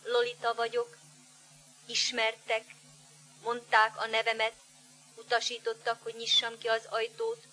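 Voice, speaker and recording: An actress playing an obedient female robot nurse in a radio play, speaking in a flat mechanical monotone. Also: a little high, pauses often, poor audio.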